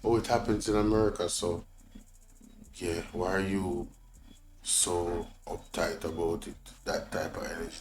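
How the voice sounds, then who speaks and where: A man hosting a livestream, giving informal, deliberate, opinionated commentary. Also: sits low. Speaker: livestream host. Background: loud music.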